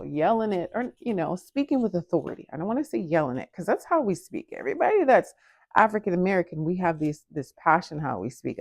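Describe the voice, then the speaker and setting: Woman chatting to the camera while she bakes in her kitchen, lowish voice, dry close sound, voice jumps way up when she quotes people. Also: breathy edge, no room sound. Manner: animated, acts out quoted voices with pitch jumps. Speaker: vlogger. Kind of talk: casual storytelling while baking. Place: home kitchen. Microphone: camera in front of her.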